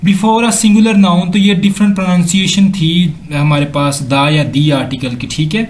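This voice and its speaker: A man with a Pakistani accent talks through a grammar lesson slide by slide. His voice sits a little high. He speaks slowly and drills each example aloud, slipping into English sentences. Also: steady tone. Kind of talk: slide-based lesson explanation.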